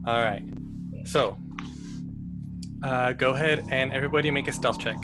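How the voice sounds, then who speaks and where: A man's voice: mid-range voice, normal speed, over music, rough recording. A young man narrating a tabletop game as game master, casual and hesitant with many fillers.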